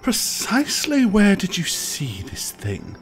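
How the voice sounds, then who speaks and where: A game master voicing a timid, courteous nature-worshipping nun who speaks in halting, formal phrases for a tabletop game. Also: medium pitch, wildly swooping pitch, faint music behind. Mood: hesitant, polite. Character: timid, polite, hesitant young nun of nature goddess.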